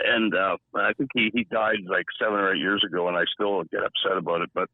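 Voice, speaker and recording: A deep-voiced man tells loose, rambling stories, tripping over his words and starting again. He sounds dry and tinny, like he is calling in over a phone line. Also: fairly even intonation, quick pace, dry recording. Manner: rambling, stammering restarts. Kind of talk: casual storytelling chat.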